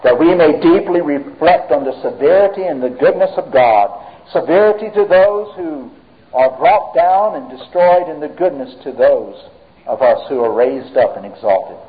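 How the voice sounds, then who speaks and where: Man preaching with lively, swinging pitch. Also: moderate pace. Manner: dramatic preaching that swings between loud and hushed; engages the congregation with questions. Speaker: pastor. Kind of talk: sermon. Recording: tinny, phone-like sound with long hall reverb.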